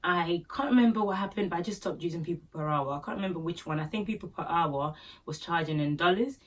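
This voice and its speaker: Talking fast in a lowish voice, this Nigerian vlogger with a Yoruba accent gives business tips to camera, full of jokes and fillers. She runs a small business, and she's recorded from a distance.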